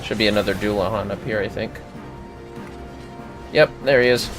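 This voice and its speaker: At a moderate pace and in a lowish voice, a male livestreamer talks through game tactics step by step. His commentary is casual and full of swearing, with music playing behind it.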